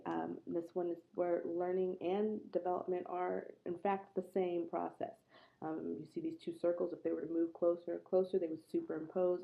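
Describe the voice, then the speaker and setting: A woman's voice: on the low side, gravelly. A woman giving a recorded online lecture through a laptop microphone. Her voice sounds hollow and muffled, as if she were at the bottom of a well. She talks in a conversational, earnest way and often stops to ask the class questions. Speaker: instructor.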